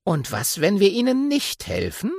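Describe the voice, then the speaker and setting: A man's voice: high-pitched, wildly swooping pitch, moderate pace, creaky, darkish tone, husky, no echo, clean studio sound, voice pushed up, full character voice. A man voicing a cheeky, playful young pig who teases cheerfully. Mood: teasing. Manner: teasing, cheerful.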